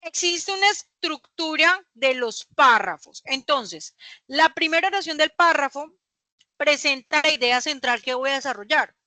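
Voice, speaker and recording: A young woman teacher lectures in a high, bright voice. She lays out each idea patiently and asks the class rhetorical questions. The recording is dry and close, with no room sound. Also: lively intonation, unhurried, dry recording.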